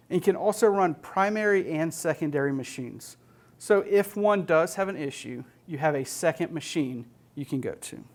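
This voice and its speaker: On an indoor studio stage backed by an LED wall, an American man in his thirties with a somewhat high voice gives an instructional talk. He speaks plainly and factually, laying out each step the way a technician would.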